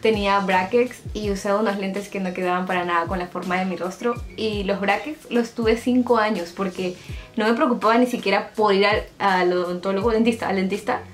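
A woman's voice: medium pitch, steady tone, a little fast, faint music behind. Chatty young Peruvian woman vlogging. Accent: Peruvian Spanish. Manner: chatty, confiding, joking asides; talks while painting her nails. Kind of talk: casual confessional vlog. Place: at home, in her bedroom.

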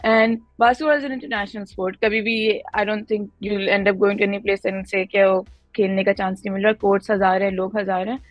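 A woman's voice: medium pitch, fairly even intonation, very fast, hardly any pauses, dry recording, muffled recording, soft background music. A young Pakistani-accented woman giving conversational interview answers as a guest player, switching between Hindi-Urdu and English mid-sentence. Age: young adult. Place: indoor room, on a video call.

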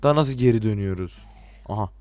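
A teenage man from Turkey giving casual, joking gameplay commentary, talking to game characters and swinging from quiet mutters to sudden shouts. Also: lowish voice, fast, over loud music. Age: late teens. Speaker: gaming YouTuber.

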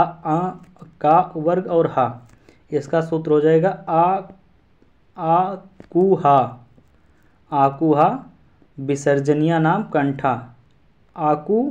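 Man teaching an exam prep class, slow and patient, keeps repeating sounds and rhymes, kinda muffled lo-fi audio. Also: a little high, a little mellow. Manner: slow, repeats syllables and mnemonics aloud.

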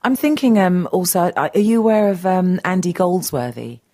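Female radio co-host, low voice, casual and conversational. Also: sing-song, moderate pace, dark tone. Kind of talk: casual chat.

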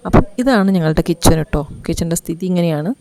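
Lady vlogging a messy renovation, talks quick, throat a bit scratchy from dust. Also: on the low side, darkish tone. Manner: chatty, addresses viewers directly, frequent tag words. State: throat irritated by dust, voice fading at times. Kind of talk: casual home tour narration. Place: house under renovation, indoors.

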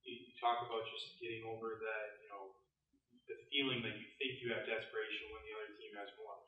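Brief: male reporter, flat and rapid questions, distant off-mic, roomy and lo-fi. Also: on the low side. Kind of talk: press conference questions.

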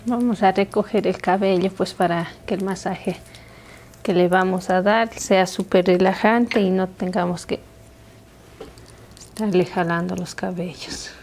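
A young woman narrating an ASMR massage in a hushed, intimate, soothing voice that is close to a whisper. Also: fairly low pitch, fairly even intonation, a little slow. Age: young adult. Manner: hushed, intimate, soothing soft-spoken delivery, dropping into whispers. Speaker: massage practitioner. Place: small living room, indoors.

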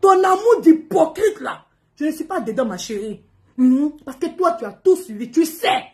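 High, animated woman scolding. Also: normal speed. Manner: scolding, confrontational, keeps repeating "oui, oui". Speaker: social media personality. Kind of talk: angry direct-to-camera rant.

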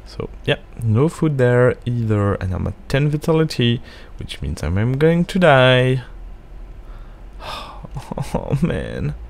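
Slow, gravelly man muttering game commentary. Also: medium pitch, very animated, a little mellow. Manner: anxious, muttering to himself. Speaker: gaming video host. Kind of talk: casual gameplay commentary.

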